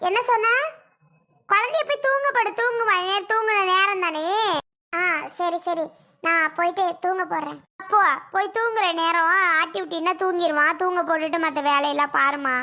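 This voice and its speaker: A woman performing in a homemade family drama skit, her voice very high and bright. She moves between scolding, pleading and emotional household talk.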